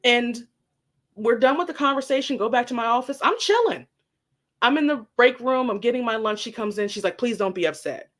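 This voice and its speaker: Candid, animated storytelling guest. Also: mid-range voice. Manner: animated, acts out quoted dialogue, swears casually.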